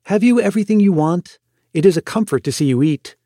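A devoted mother, soft and pleading, her tenderness running all through her words, as a male storyteller reads her. The voice sits a bit high and sounds dry and close. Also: animated, fairly quick, no room sound. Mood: gentle. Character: loving middle-aged mother, tender and pleading.

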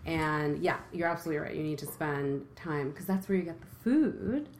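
A woman from Brooklyn, a podcast guest, chatting in an animated way full of asides. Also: sits low, normal speed, slight background noise. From Brooklyn, New York. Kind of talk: casual chat.

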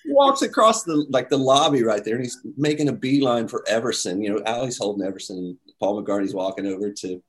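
A man telling a story in casual talk, animated, acting out quotes with many fillers. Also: medium pitch, fast, hardly any pauses.

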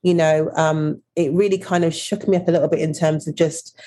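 Low-voiced, earnest woman podcast guest. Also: steady tone, fairly quick, mellow. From England (Birmingham). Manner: earnest, enthusiastic, with many ums and restarts. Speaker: podcast guest, company CEO. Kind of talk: conversational interview.

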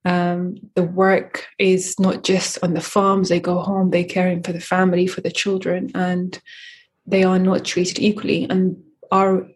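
A coffee company founder from Eritrea gives measured answers in an interview, often restarting and using fillers. Her voice sits on the low side and is monotone and slightly rough.

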